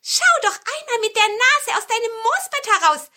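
A chorus of giggly tiny pine cones. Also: female voice, moderate pace, heavily acted. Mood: cheeky. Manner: giggly, very high and excited.

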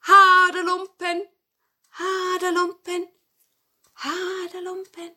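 A woman's voice: extremely high pitch, monotone, takes it slowly, pushed and bright, pitched above the performer's own voice, full character voice. A woman voicing a male rag collector from a fairy tale, calling out a singsong street cry. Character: hawking old male rag collector with a cart.

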